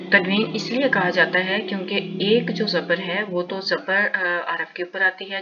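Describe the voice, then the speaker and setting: A woman teaching Quran reading, drilling letter sounds one by one in a slow, deliberate chant. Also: on the low side, highs cut off, background noise. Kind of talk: slow step-by-step recitation lesson.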